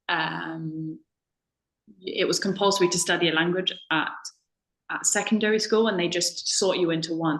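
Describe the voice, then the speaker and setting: Her voice is lowish and a bit bright as she, a guest speaker and native English speaker, chats casually. She's talkative, says um a lot, and reenacts things she once said in self-quotes, all captured with a roomy echo.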